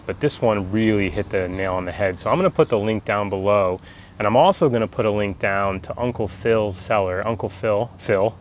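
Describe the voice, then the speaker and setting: American guy in his 40s, lowish voice, easygoing halting vlog chat outside, bit of background noise. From United States. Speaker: pipe tobacco reviewer. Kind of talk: casual video chat. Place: outdoors in a backyard garden. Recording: outdoor ambient background noise.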